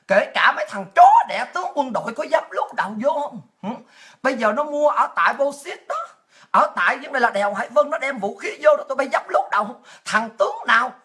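A high-pitched woman rants in a monologue, her voice bright and piercing. She shouts and mocks, breaking into scornful laughs. She talks like a political commentator on a livestream. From Vietnam. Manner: shouting, mocking, with crude insults and laughs.

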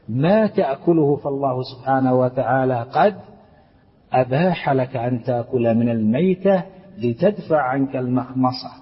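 A man, a sheikh, giving a measured classroom commentary on a book of Islamic law, explaining it step by step and often quoting scripture. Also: medium pitch, breathy edge. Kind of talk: classroom commentary on a religious text. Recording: echoey hall, dull lo-fi sound.

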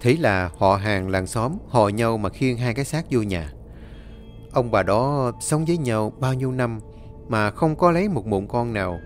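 A man tells a village horror tale in a measured, dramatic narrating voice. His pitch sits in the middle range. Faint music plays quietly beneath him. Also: lively intonation. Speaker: storyteller. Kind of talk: scripted horror audiobook narration. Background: faint background music.

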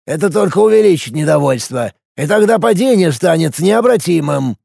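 A male narrator puts on a worried male minister from an audiobook, his voice climbing high and tight as he begs for help. He sounds gravelly and dark in tone, recorded close and dry. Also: expressive, moderate pace, no room sound, heavily acted. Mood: worried pleading. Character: anxious male minister, pleading, excitable.

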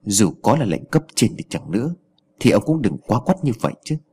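A man's voice: on the low side, big pitch swings, moderate pace, a little mellow, slightly rough, exaggerated voice. A man playing a weary, defiant village husband. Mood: strained. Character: worn-down, hard-pressed young village husband.

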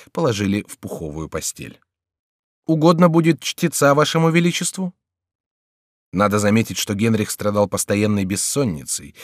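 A man narrating a historical novel as an audiobook in an expressive, measured storytelling way. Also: on the low side, no room sound, clean studio sound.

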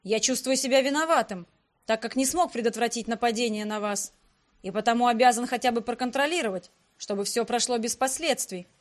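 A woman's voice: fairly high pitch, brisk, natural voice. A woman voicing a worried, caring father, a noble light mage, in an audiobook. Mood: formal. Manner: anxious, then loud and formal.

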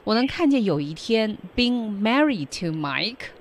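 A woman's voice: mid-range voice, sing-song, a little slow, slight background noise. A woman co-hosting a radio English lesson, talking to listeners directly in an encouraging, sing-song way. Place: radio studio.

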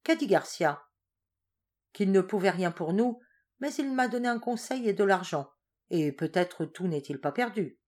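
A woman's voice: mid-range voice, lively intonation, normal speed, a little mellow, natural voice. Woman reading as an anxious old marquis. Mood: urgent. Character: anxious desperate noble father, a marquis.

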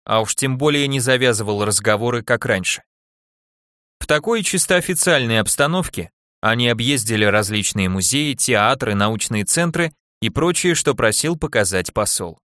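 A man with a mid-range voice reads scripted audiobook narration in a steady, even way. The recording is clean studio sound with no room sound.

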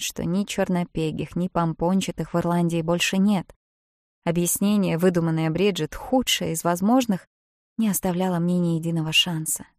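A woman narrating a novel in the first person, reading expressively and softening to a hush at tense moments. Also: on the low side, vocal fry, dry recording, studio quality. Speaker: audiobook narrator.

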